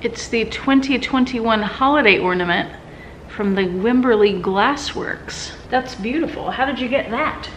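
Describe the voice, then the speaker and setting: A woman with a fairly high, unhurried voice hosts a vlog at home, chatting casually while opening gifts. The roomy indoor space gives an echo, and background noise is noticeable.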